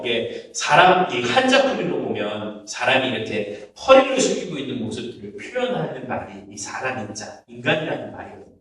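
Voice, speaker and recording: Pastor with a very lively pitch in a roomy church. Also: male voice. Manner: storytelling, quotes people's curses in acted asides. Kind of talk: sermon. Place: church sanctuary. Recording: echoey church hall, mic at a distance.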